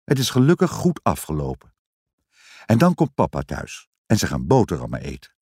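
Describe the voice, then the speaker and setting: A man reading a children's story aloud in an expressive, sing-song storytelling manner. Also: low voice, moderate pace, husky, no echo, clean studio sound. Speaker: narrator.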